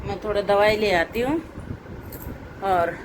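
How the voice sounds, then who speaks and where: A woman from Uttarakhand chatting casually at home for her vlog, talking in a lively, teasing way with the children around her. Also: mid-range voice, a little slow, noisy background. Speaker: vlogger.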